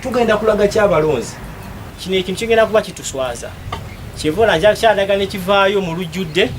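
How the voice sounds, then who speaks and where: A man's voice: sits high, fast. A man from Uganda, a municipal councillor, speaking in an accusing tone and listing names one after another. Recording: noisy crowd behind.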